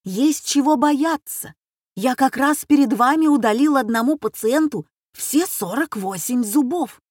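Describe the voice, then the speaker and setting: A woman's voice: high-pitched, a little slow, darkish tone, no room sound, clean studio sound, pitched above the performer's own voice. A woman reading aloud, voicing a boastful male acquaintance triumphantly telling a dentist tale. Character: boastful man acquaintance from the dacha.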